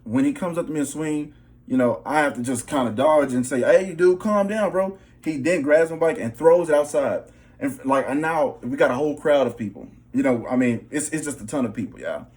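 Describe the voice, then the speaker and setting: A man's voice: mid-range voice, brisk, darkish tone. Young man, mid-range voice, casual emphatic storytelling, personal testimony. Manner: casual, emphatic, repeats "bro" and "okay". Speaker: vlogger.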